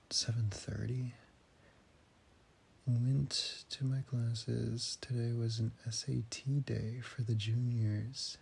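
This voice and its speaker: A weary young man in his late teens records his personal audio diary at home, his slightly nasal voice dark and gravelly. He talks slowly and flatly, stopping to restart, sigh and clear his throat. A faint hiss sits behind him. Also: mid-range voice. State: very tired. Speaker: student keeping an audio diary. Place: at home indoors.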